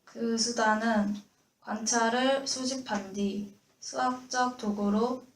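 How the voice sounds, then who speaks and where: A woman's voice: a little high, fairly even intonation, takes it slowly. A young female student from Daejeon, reading aloud in class, careful and a bit hesitant. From Daejeon, South Korea. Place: lecture room. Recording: echoey classroom, faint hiss.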